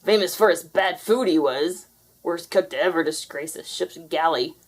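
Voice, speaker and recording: A woman voicing a vengeful male pirate ghost as a storybook character, growling and booming in pirate dialect. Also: moderate pace. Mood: scornful.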